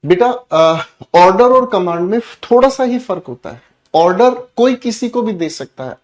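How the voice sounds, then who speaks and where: Guy teaching a class, kinda high voice, keeps shouting example commands at the students. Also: expressive, a little slow. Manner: explains with loud shouted example commands, addresses students as "beta". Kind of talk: energetic classroom lesson.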